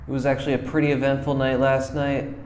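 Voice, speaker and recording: A man's voice: mid-range voice, completely flat delivery, fast talker, a little mellow. A man narrating a casual travel vlog, chatty and informal, talking straight to his viewers. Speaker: travel vlogger.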